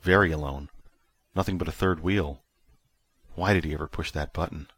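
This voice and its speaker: A man narrating a science fiction story that he wrote, in steady, plain storytelling. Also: extremely low pitch, normal speed, husky, no room sound. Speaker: author and narrator.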